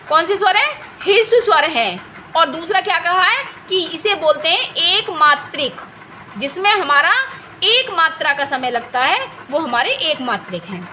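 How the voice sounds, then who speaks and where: A woman's voice: very high-pitched, sharp tone, slight background noise. A woman teaching a Hindi grammar lesson for exam preparation, explaining patiently, repeating key terms and often checking that students have understood. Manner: stretches vowels to demonstrate length.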